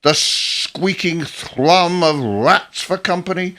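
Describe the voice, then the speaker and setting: In a radio play, an actor voices a chirpy yet gruff working-class father and war veteran, speaking bluntly, teasingly, and colloquially. His pitch is fairly high, his pace slow, and his tone sharp, with a bitter, weary mood.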